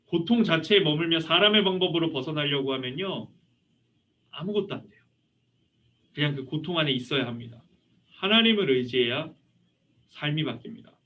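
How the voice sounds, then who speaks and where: A man in his thirties, a youth pastor preaching a lively sermon, telling anecdotes and asking the congregation questions. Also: on the high side. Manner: animated storytelling, voicing a child and asking the audience questions. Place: church hall. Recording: muffled, from a distance.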